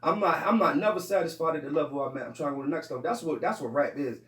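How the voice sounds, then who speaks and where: High-voiced man, loose and profane. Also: rapid-fire, distant mic. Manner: profane, animated, laughs a lot, many restarts. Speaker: rapper and podcast guest. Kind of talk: casual podcast chat. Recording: roomy, off-mic, faint noise.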